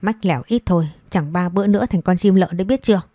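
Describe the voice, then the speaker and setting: A woman's voice: on the low side, fast talker, dark tone, no room sound, clean studio sound, lightly acted. A woman reading the part of a harsh, scolding village wife. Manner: hissing, scolding. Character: harsh cruel village wife, shrieking at a child.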